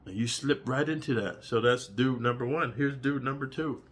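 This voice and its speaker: A man telling a story in a crude, rambling casual monologue, full of "dude" and "bro", now and then jumping into high squeaky voices for the people he quotes. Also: normal speed, a bit bright.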